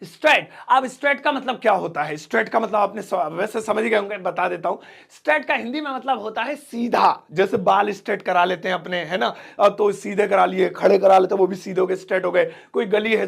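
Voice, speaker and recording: A man teaching English words in a chatty, joking way, slowing right down for example sentences, with an Indian English accent. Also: high voice, creaky. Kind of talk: casual spoken lesson.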